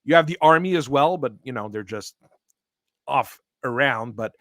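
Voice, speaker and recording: A man hosting a casual chat, talking in a rambling, halting way with frequent restarts. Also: mid-range voice, animated, a bit bright, no echo, studio quality. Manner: rambling, halting, laughs often. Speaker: host.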